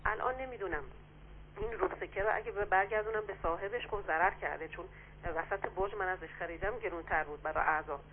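A woman calling in to a radio show, asking questions hesitantly with many pauses and fillers. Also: mid-range voice. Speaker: caller. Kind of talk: phone call-in question. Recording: tinny phone line with faint noise.

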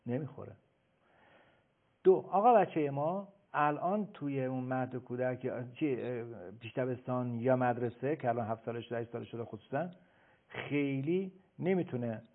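A man explaining as a guest expert on a radio talk show, emphatic and lecturing, often pausing on filler sounds. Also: mid-range voice. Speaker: guest expert on child behavior. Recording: phone-like radio broadcast.

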